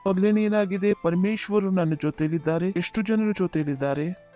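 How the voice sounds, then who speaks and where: A man's voice: high-pitched, fairly quick, warm tone, faint music behind. A male pastor preaching a sermon, often calling out "Praise the Lord" and asking the congregation to repeat after him.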